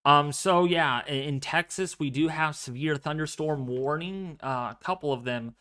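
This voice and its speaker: A man hosting a live severe weather stream, speaking quietly but clearly in a calm, fairly monotone way while commenting and chatting with viewers. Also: a little high, moderate pace. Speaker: livestream weather host.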